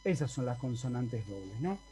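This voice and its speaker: A man teaches university Latin over a video call in an Argentine accent, speaking at a moderate pace in an animated, mid-range voice. His tone is dark and slightly rough, and he breaks his explanations into steps while regularly checking in with students.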